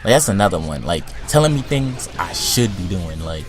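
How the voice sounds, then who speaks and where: Young guy ranting at the camera, gets loud then mutters low, cussing, little music in the back. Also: normal speed. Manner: animated, heated, swings between loud outbursts and low mutters, filler-heavy. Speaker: vlogger. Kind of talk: profane comedic rant.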